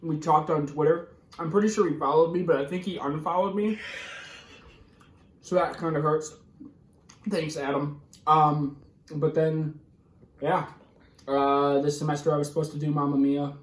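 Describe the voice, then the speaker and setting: A man's voice: a little high, steady tone, moderate pace, pauses often, recorded from a distance. A young American man in his twenties gives candid, rambling, slangy answers in a casual interview while his mouth burns and his throat tightens from spicy food. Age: 20s. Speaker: YouTube vlogger being interviewed. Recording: roomy, echoey sound.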